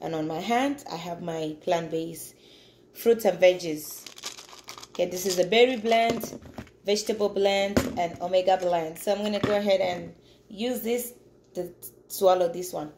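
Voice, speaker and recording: A woman's voice: on the low side, a little slow, a little mellow, slight background noise. A woman in her thirties chatting upbeat to her phone camera in her home kitchen. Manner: upbeat, chatty, addresses viewers as guys. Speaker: vlogger. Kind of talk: casual chat to camera. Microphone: phone camera on a counter. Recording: echoey room.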